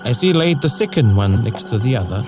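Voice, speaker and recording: A man with a New Zealand accent narrating a scripted story in a deliberate, dramatic way. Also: mid-range voice, expressive. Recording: narration over loud music.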